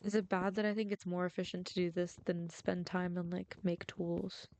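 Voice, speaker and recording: A woman's voice: lowish voice, level tone, moderate pace, a little mellow. A young adult woman, a film student, chatting casually and rambling with lots of "like" fillers while playing a game. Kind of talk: casual gameplay chat.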